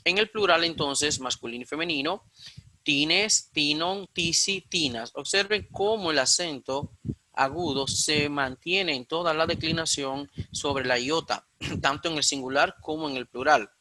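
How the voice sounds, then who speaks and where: A man from the Dominican Republic with a Dominican Spanish accent teaches a recorded Koine Greek class, working through ideas step by step. He often uses fillers, corrects himself, and repeats points for emphasis. His slightly high voice sounds sharp at a normal speed, and the low-quality recording has no room sound.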